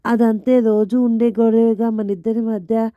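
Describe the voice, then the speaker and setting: Woman voicing bossy excited wife, chiding, storybook, narrow even pitch, muffled sound. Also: measured pace, no echo, close to an everyday voice. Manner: chiding, eager. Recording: dull lo-fi dry recording.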